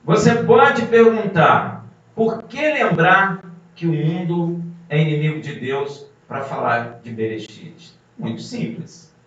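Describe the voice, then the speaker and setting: Man, preaching, emphatic, rhetorical questions, slightly high voice, booming echo, distant muffled mic. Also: expressive, slow, fairly bright tone. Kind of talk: sermon. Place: congregation hall. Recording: muffled, very echoey hall from a distance.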